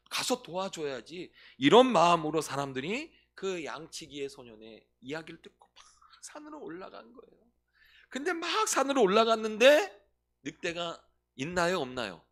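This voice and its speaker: A man's voice: high voice, a bit bright. A male pastor preaching a sermon, often putting questions to the congregation and answering them himself. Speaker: senior pastor.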